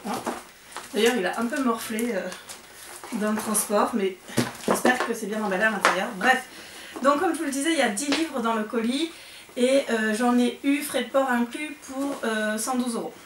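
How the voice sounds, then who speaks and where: A young woman chatting excitedly through an unboxing vlog, with lots of fillers. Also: a little high, moderate pace, reverberant, far from the mic, noisy background. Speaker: book vlogger.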